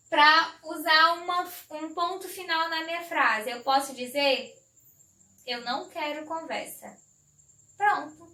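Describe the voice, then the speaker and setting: A woman teacher with a very high, bright voice gives an online grammar lesson. She speaks slowly and affectionately, explaining each point carefully and repeating herself. The recording sounds echoey, as if made in a bare room.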